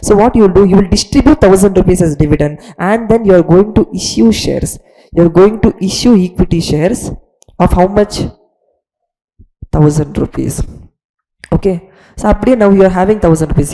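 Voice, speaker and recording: A woman's voice: on the low side, fast talker, mellow, rough recording. A woman with a South Indian Tamil accent teaching finance in a lecture, switching between English and Tamil, with an emphatic, repetitive manner that keeps checking understanding.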